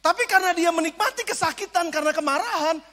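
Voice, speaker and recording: Pastor guy preaching, really high bright voice, jokey, big echoey church hall. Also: fast. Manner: animated, joking, swings from loud preaching to low asides. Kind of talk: sermon.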